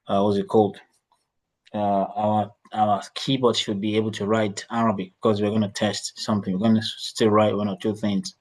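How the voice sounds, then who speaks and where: Casting: male Arabic teacher, patient and repetitive, coaches pronunciation in an online lesson. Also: fairly low pitch. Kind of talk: online class instruction.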